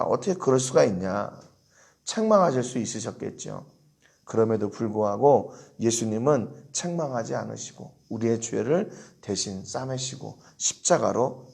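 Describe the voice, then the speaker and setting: A man with a gravelly, fry-edged voice preaches at a dawn prayer service. He keeps asking his listeners questions and acts out prayers as he speaks. His pitch sits in the ordinary middle range. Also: a little mellow. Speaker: pastor. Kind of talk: early-morning prayer sermon.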